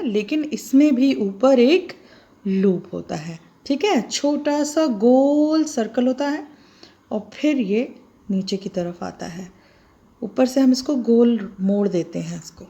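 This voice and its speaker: A woman's voice: fairly high pitch, animated, slow, warm tone, breathy edge, dull audio. A middle-aged woman teaching children to write letters, spelling them out one at a time with patient explanations. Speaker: Hindi teacher. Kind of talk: handwriting lesson for children.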